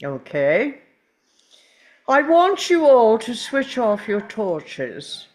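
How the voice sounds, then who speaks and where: An actor playing an urgent, commanding time-travelling doctor in a dramatic script read, with deliberate, halting delivery. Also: mid-range voice, huge pitch swings, heavily acted.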